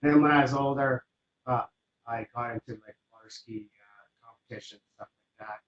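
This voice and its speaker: A man's voice: medium pitch, moderate pace, lo-fi sound. Rambling man telling his story. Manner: relaxed and rambling, with many fillers like "you know". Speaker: interview guest. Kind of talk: casual interview storytelling.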